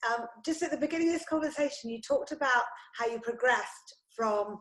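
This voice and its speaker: Soft-spoken woman interviewer in an echoey room. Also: on the high side, a little fast. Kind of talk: casual interview questions.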